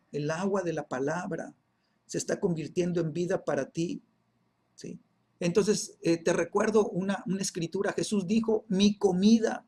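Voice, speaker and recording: Husky guy teaching bible class, keeps repeating stuff and asking "sí?". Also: sits high, darkish tone. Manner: peppers phrases with "¿sí?" and "¿verdad?", repeats himself for emphasis.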